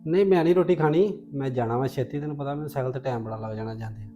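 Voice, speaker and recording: A calm, soothing brother on a visit, politely turning down offers , played by a woman. The voice sits very low for her, with music clearly running beneath it. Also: racing, dull audio. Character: grown man, a gentle visiting brother.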